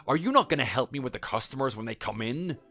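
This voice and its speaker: A man playing an angry middle-aged cafe owner in a text-message story, his voice leaping up and down as he accuses, with soft music underneath. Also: mid-range voice, animated, fast talker. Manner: accusing, yelling.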